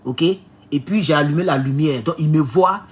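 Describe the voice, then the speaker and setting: A man's voice: a little high, moderate pace. A man from Côte d'Ivoire with an Ivorian French accent, telling a personal story as a political vlogger and giving emphatic warnings to his audience. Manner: emphatic, warning tone, with English phrases mixed in. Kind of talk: casual storytelling monologue.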